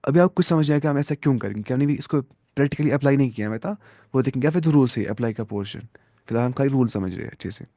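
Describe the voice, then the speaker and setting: A man's voice: medium pitch, animated, racing, mellow, dry recording, studio quality. Patient man drilling grammar forms. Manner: patient, asks rhetorical questions and answers them; repeats word forms aloud in drills. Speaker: Arabic grammar teacher. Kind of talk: explaining grammar rules step by step.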